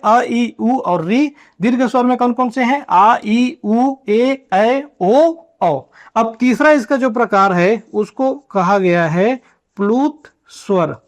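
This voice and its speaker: A man teaching a grammar lesson at a board, asking questions and answering them himself, and drawing out key terms slowly. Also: very high-pitched. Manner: asks and answers his own questions. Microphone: writing on a board while teaching.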